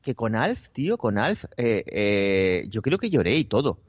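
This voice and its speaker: A man's voice: lowish voice, sing-song, measured pace, slightly rough, no room sound. A man co-hosting a casual podcast, joking around in a playful way and fond of making silly noises. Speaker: podcast co-host. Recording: dull, dry audio.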